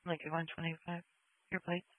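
A man's voice: on the high side, monotone, a little fast, no echo. A man working as a police dispatcher, speaking in clipped procedural radio calls with repeated numbers and locations over a two-way radio. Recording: dull, band-limited police radio audio.

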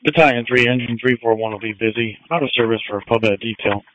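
A man radios in procedural crew reports at a rapid pace. His pitch is average and the two-way radio sound is dry. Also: fairly bright tone, no echo, muffled recording. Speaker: fire and ambulance crew member.

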